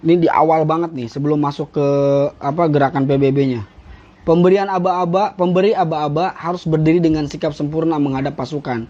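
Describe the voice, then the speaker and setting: Young man, blunt and teasing, fairly high voice, dull lo-fi phone audio. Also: a little mellow. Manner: blunt, joking, reads from a rulebook. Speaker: drill instructor. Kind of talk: casual live-stream lesson. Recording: dull lo-fi live stream audio.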